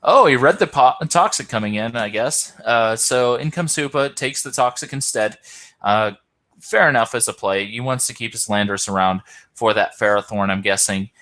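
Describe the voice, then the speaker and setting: A man's voice: mid-range voice, normal speed, bright, forceful tone. A tired man hosting and commentating an online game tournament, hesitant, with many ums and self-corrections. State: tired, yawning.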